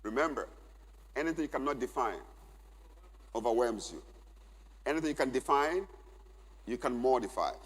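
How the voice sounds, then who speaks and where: A man's voice: mid-range voice, animated, normal speed, pauses often, husky. Emphatic man preaching in a reverberant hall. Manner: emphatic, repeats key phrases for note-taking. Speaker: conference speaker. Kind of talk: church conference teaching. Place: large church hall.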